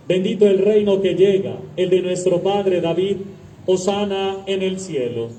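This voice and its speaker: A man leading prayer and reading the Gospel as a priest, in a measured, solemn way, his voice ringing with cathedral-like echo. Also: sits high, mellow. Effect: cathedral-like echo, voice heard from a distance. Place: large church. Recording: echoey church from far off, faint hiss.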